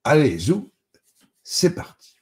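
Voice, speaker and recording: A man voicing a cheerful, bossy female chef, with brisk, commanding and playful lines. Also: on the low side, gravelly, warm tone, breathy edge, exaggerated voice.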